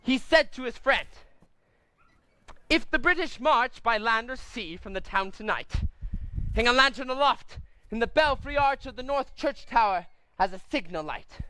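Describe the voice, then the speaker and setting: A man voicing a jolly storyteller who gathers children in a cartoon, animated and sing-song. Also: very high voice, moderate pace, clean tone, exaggerated voice, low-quality recording. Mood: lively.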